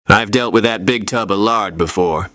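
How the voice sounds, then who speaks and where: A man's voice: on the low side, normal speed, a bit bright, no echo, close to an everyday voice. A man voicing a young, self-deprecating superhero in video game dialogue, with a wry, quippy manner. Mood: earnest.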